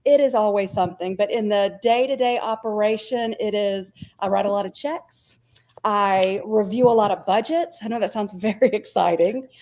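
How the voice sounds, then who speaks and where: A woman's voice: medium pitch, moderate pace, a little mellow. A woman who handles a convention's accounts, speaking candidly and with self-deprecating humor in an interview. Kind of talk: casual interview chat.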